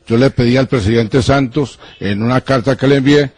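A man, a lawyer answering interview questions in an earnest, deliberate and accusatory way. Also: mid-range voice, darkish tone, husky, no echo. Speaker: lawyer giving an interview about threats.

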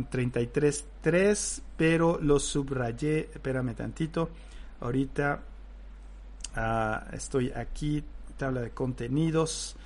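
A man's voice: mid-range voice, a little mellow. A man with a Mexican Spanish accent, a pastor teaching a live-streamed Bible lesson, who reads verses aloud and breaks into fervent praise between them.

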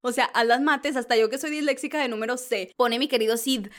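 A young Mexican woman dishes celebrity gossip in a dramatic, gushing way. Her voice sits a little high, and she keeps calling her listeners sister in a loose, chatty flow. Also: fairly quick. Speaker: gossip show host. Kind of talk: casual celebrity gossip chat.

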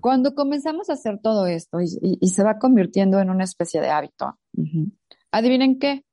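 A middle-aged woman chats as a co-host, her voice dark and mellow, recorded close and dry. She tells stories with animation and slips into the voices of the people in them. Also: medium pitch, fairly quick, no room sound. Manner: animated storytelling, acts out quoted voices. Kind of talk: casual chat.

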